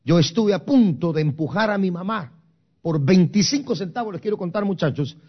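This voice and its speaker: An older man from Guatemala with a Guatemalan accent, giving an emotional sermon testimony with dramatic storytelling that swings from loud to soft. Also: high voice, lively intonation, fairly quick. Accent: Guatemalan Spanish. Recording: dull lo-fi recording.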